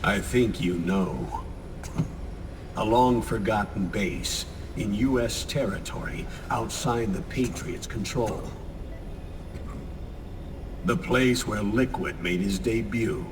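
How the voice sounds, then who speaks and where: A man's voice: lowish voice, big-room sound, distant mic, noisy background. A man playing an older military commander who gives a grave, commanding mission briefing in a video game. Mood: grave, urgent.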